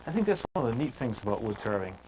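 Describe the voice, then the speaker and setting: A man teaching woodcarving in a relaxed, homespun storytelling manner, chatting with filler words as he works. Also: mid-range voice, racing, noisy background. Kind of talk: folksy storytelling while demonstrating carving.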